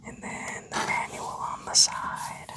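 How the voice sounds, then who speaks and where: Slow, whispering ASMR woman. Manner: hushed, unhurried, musing aloud to herself. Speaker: unboxing video host. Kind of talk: whispered ASMR unboxing commentary.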